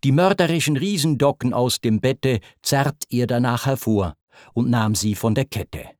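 A man reciting epic verse as narrator, with a measured, deliberate delivery. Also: mid-range voice, darkish tone, no room sound, studio quality.

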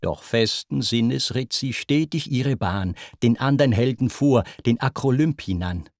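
A man reciting rhymed verse in a measured, rhythmic way. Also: mid-range voice, animated, a little mellow, no echo, clean studio sound. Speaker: reader.

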